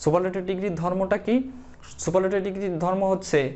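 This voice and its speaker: A man's voice: high voice, flat delivery, fast, darkish tone. A male English grammar teacher explaining an online class step by step, asking and answering his own questions and spelling words out letter by letter. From Bangladesh. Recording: dull lo-fi sound.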